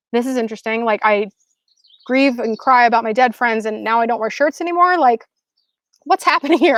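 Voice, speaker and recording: Woman, 30s, storyteller, casual and animated, slightly high voice, dry close sound. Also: no echo. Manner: animated, acts out quotes with high bursts; casual, lots of "like". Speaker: speaker. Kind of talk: storytelling talk.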